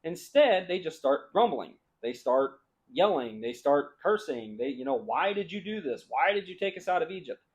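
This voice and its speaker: A man leads a Bible lesson in a loose, conversational way, explaining the story as he goes. His voice sits somewhat high for a man, and he lifts it with emphasis when reading scripture aloud. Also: big pitch swings, normal speed, hardly any pauses, highs cut off. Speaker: Bible teacher.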